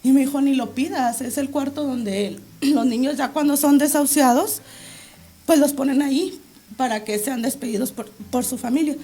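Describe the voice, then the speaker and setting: High-voiced woman giving a fervent testimony. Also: normal speed, warm tone, slightly rough. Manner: fervent, reenacts her prayers aloud. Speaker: interview guest. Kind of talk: religious testimony.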